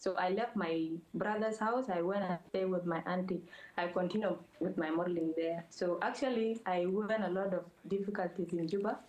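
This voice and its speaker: A young woman from South Sudan, a model, answering interview questions in plain, earnest, halting phrasing. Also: fairly low pitch, steady tone, a little mellow. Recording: roomy echo.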